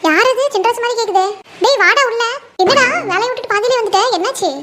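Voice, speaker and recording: A woman voicing a sharp-tongued, nagging mother-in-law in a cartoon, scolding with scorn. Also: very high-pitched, fast talker, very noisy. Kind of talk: cartoon voice acting.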